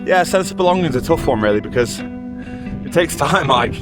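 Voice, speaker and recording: A man's voice: on the high side, expressive, brisk. A man from England, talking earnestly and casually about belonging. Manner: earnest, rambling, sincere. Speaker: interviewee. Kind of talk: casual reflective chat. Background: music.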